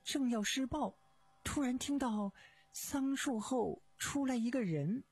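A woman's voice: a little high, animated, slow, a little mellow, breathy edge, no room sound, exaggerated voice. A woman voicing a young wronged wife who earnestly recounts her ordeal in radio storytelling. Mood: telling. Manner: earnest, pleading first-person telling. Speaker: storyteller voice of a female character.

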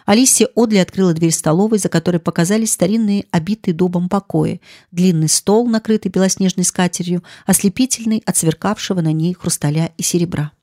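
A woman reads a classic novel in a calm, even storytelling voice. Her pitch sits a little low. The recording is dry and close. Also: a little fast, hardly any pauses, no echo. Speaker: audiobook narrator. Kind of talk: scripted narration of a classic novel.

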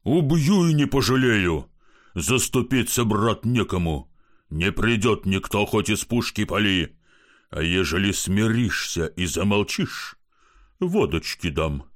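Gruff storybook barber, low and slow, menacing, with a voice that rises and falls , as a man puts him on. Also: sing-song. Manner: threatening, commanding. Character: gruff, menacing male barber, rough and bullying.

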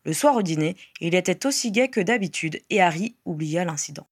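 Woman reading a storybook, steady and expressive, dry close mic. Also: lowish voice, brisk, husky, no echo. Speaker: audiobook reader. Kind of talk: scripted narration.

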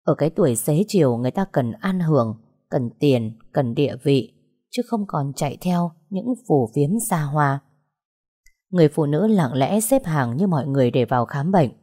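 A woman's voice: low-pitched, lively intonation, moderate pace, mellow. A woman narrating a dramatic story in a conversational way, addressing her listeners directly.

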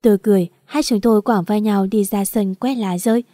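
A woman reading a first-person story aloud as an audiobook narrator, steady and even. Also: mid-range voice, fairly quick, dry recording.

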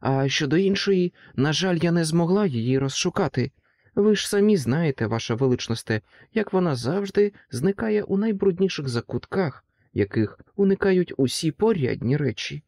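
A proud, flattering lady of the court, as a male narrator puts her on, lifted higher than his own voice and full of smooth deference. Her pitch moves lively up and down, and the recording is dry and close. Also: moderate pace, dry recording. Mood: haughty, fawning. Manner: haughty, smooth, ingratiating. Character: proud, fawning female courtier.

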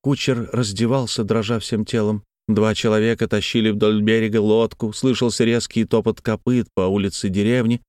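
Man, audiobook narrator, low voice, dry close recording, measured expressive reading. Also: no room sound. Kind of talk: scripted literary narration.

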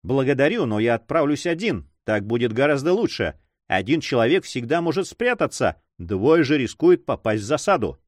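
A man's voice: medium pitch, very animated, normal speed, hardly any pauses, no echo, lightly acted. A man voicing a bold, brash young male adventurer in a read-aloud story, dry close sound. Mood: confident. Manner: brash, self-assured.

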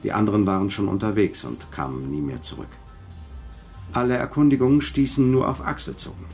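A washed-up spy in a German radio drama, with a very low, gravelly voice. He is bitter and set on revenge, telling his story with weary gravity and a widely moving melody. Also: big pitch swings, a little fast, darkish tone, faint music behind. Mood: grave, recounting.

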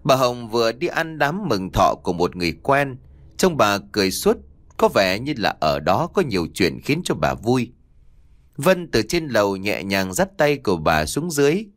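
Lively male audiobook narrator. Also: medium pitch, normal speed, no room sound. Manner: expressive storytelling. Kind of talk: scripted story narration.

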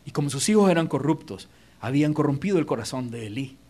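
A man's voice: mid-range voice, animated, quick pace, a little mellow, slightly rough. A male pastor preaching a sermon in a church auditorium, emphatic and speaking straight to the congregation. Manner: emphatic, addresses congregation directly.

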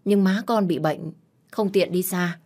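A woman's voice: lowish voice, unhurried, mellow. Woman voicing a polite young suitor. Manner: polite, deferential.

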